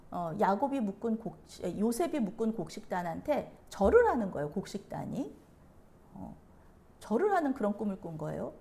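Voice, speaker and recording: A woman's voice: on the high side, vocal fry, warm tone. A woman pastor giving a sermon, retelling the story with animation and acting out the characters.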